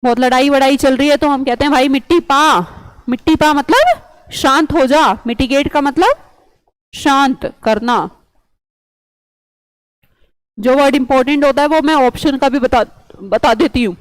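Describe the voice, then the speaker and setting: A high-pitched woman runs an online vocabulary lesson. She coaxes and chats, quizzing her students with memory tricks. The sound is dry and close, with no room around it. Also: normal speed, no room sound, low-quality recording. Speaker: English vocabulary teacher.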